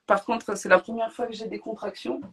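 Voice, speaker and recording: A woman guest on a podcast, telling her own story in a lively, emotional way and often laughing between phrases. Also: a little high, brisk, a crowd in the background. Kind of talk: personal storytelling.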